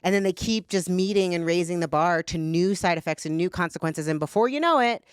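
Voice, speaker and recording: A podcast guest with a fairly low, clear, resonant voice talks briskly in a blunt, casual way. She swears freely and uses "like" all the time, and the studio-quality recording has no room sound.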